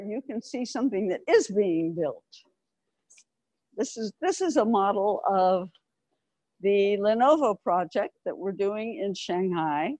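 Older woman, speaking through a face mask, informal guided tour, explanatory, soft-edged mellow tone, dry sound, lapel mic. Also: mid-range voice, no echo, rough recording. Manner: explanatory, addressing a group while walking. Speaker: office tour guide, senior colleague. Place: open-plan office, indoors. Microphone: clip-on lapel microphone.

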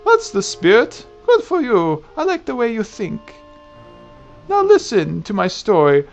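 A creaky old hag of a plant sage , played by a man, haughty and cranky. The voice is pitched high and swoops theatrically, drawing words out slowly as in a video game read-through, with music behind it. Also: wildly swooping pitch, dull audio, heavily acted. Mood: approving, solemn. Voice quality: creaky, affected old-lady voice. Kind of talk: reading video game dialogue aloud in character.

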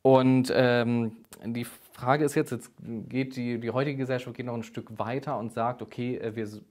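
A man's voice: mid-range voice, steady tone, moderate pace, darkish tone. A young man interviewing a professor, asking long questions with hesitant phrasing and many filler sounds.

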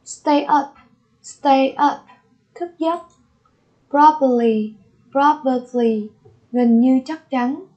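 A woman with a high, warm voice gives an English vocabulary lesson, saying each word slowly twice before explaining what it means. The recording has its highs cut off.

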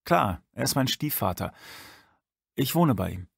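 A man's voice: mid-range voice, big pitch swings, a little slow, creaky, husky, dry recording, clean studio sound, heavily acted. A man voicing a polite, curious young man who talks a little hesitantly in an audiobook. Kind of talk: audiobook character voice.

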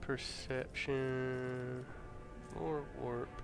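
A man's voice: mid-range voice, level tone, very slow, over music. A man giving casual video game commentary, thinking aloud as he plays. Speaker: video game let's player. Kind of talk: casual gameplay commentary, reading dialogue aloud.

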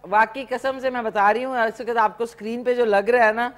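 A woman's voice: a little high, fairly quick. Chatty woman hosting a cooking segment. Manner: chatty, animated, with frequent exclamations. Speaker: morning show host. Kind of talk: live cooking demonstration chat. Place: TV studio kitchen set.

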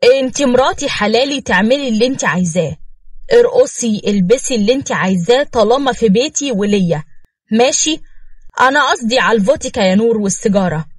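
Woman voicing a young husband, Egyptian accent, firm, scolding, husky, dry recording. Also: fairly high pitch, lively intonation, fast, no echo. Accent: Egyptian Arabic. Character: young husband, stern but loving.

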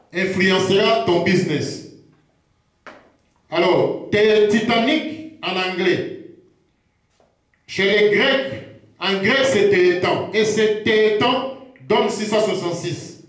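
Man, preacher, sermon teaching, repetitive, unhurried, strong echo. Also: high-pitched. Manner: slow, repetitive, hesitant. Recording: very echoey room.

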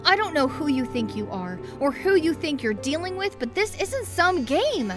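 A woman plays a fiery lady fox inspector with a high voice. She is stern, indignant and quick to scold, in a comic dub with music underneath. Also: big pitch swings. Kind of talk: fan-dub comic acting.

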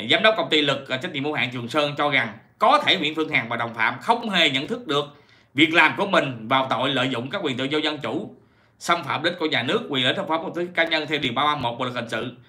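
This YouTube commentator has a fairly high-pitched, sharp-toned voice. He talks to his viewers in a loose, rambling way, correcting himself, using fillers and tossing out rhetorical questions.

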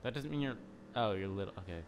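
A young man hosting a casual gameplay session with friends, laughing a lot and shouting excitedly as he plays. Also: on the low side, quick pace, a crowd in the background. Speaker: channel host and gamer.

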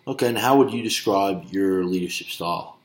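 A young man with a lowish voice runs a casual interview and chimes in often with quick affirmations. He is recorded on a laptop webcam in a small room that echoes. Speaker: interviewer, coach. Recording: roomy webcam audio.

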